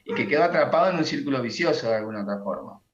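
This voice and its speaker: Guest coach on an echoey, dull line. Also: male voice, mid-range voice, lively intonation. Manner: reflective, unhurried, often adds a questioning tag. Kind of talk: reflective conversation.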